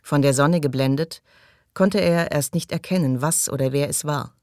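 A man reading an audiobook aloud in measured, dramatic storytelling. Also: a little high, a little mellow, dry recording, clean studio sound. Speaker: audiobook reader. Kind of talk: scripted narration.

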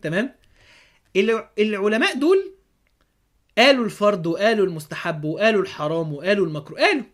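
Man, Egyptian accent, podcast host, rapid speech, sarcastic, keeps asking rhetorical questions. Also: high voice, animated, fairly bright tone. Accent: Egyptian Arabic. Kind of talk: religious commentary monologue.

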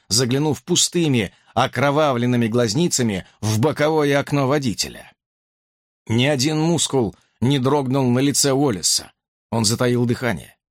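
Man, audiobook narrator, lively expressive delivery, dry close recording. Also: medium pitch, no room sound. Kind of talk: scripted horror narration.

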